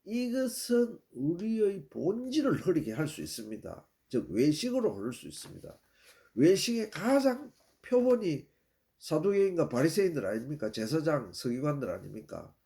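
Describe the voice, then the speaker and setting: A man's voice: fairly high pitch, big pitch swings, moderate pace, vocal fry, mellow. An older man from the region preaching a sermon, retelling a scripture story in a plain way and often stopping to say "yes" before going on. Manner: plain storytelling with repeated "예" and restarts.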